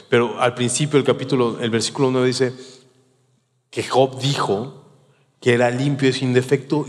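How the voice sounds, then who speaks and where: A man with a Mexican accent teaching through a Bible passage in a casual, conversational way, often tagging his points with rhetorical questions. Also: mid-range voice. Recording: long hall reverb.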